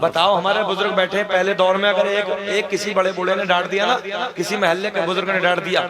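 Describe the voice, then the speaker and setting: A man preaching a sermon at a large religious gathering, lively and joking with the crowd, speaking into a PA microphone. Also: high-pitched, quick pace. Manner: lively, jokes with the crowd and calls for responses. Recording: loud crowd noise behind.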